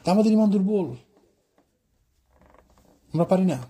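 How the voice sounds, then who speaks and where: A man's voice: high-pitched, unhurried, mellow, husky. A man preaching a conversational sermon in a mosque, mixing quoted prayers with casual asides. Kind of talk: sermon on the life of the Prophet.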